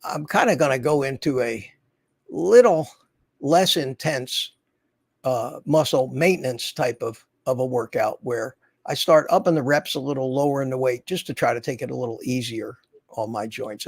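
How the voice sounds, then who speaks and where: A man in his seventies hosts a casual livestream from his Florida home, rambling in a folksy way and reading viewer comments aloud. His medium-pitched voice has vocal fry and a slight roughness, at a moderate pace. The sound is clean studio quality with no echo.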